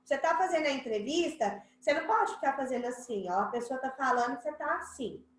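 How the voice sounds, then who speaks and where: A woman's voice: sits high, lively intonation, fast, echoey room, poor audio. Playful Brazilian woman teaching a class. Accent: Brazilian Portuguese. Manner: playful, acts out examples in shifting voices. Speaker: schoolteacher. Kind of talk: online class explanation to children.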